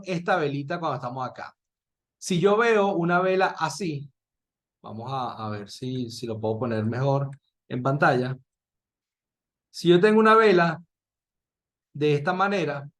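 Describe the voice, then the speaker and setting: A man teaching trading while sharing his screen, explaining step by step, asking rhetorical questions and checking in with a quick "¿sí?". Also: a little high. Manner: checks in with a recurring "¿sí?". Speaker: trading instructor. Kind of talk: screen-share trading lesson.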